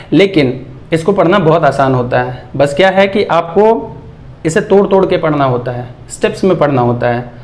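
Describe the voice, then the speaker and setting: A man teaching English reading as a lesson, breaking words into sounds and repeating syllables slowly and patiently. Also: high-pitched, darkish tone. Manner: patient, checks in with "okay?". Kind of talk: explanatory lesson.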